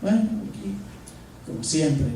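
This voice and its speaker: A man putting on an eager, polite young man, a student, asking things in a raised, lively voice. The sound is very echoey and a little far from the mic. It is done during a sermon. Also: high voice, slow, a little hiss or hum, pitched above the performer's own voice. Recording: echoey church from a distance.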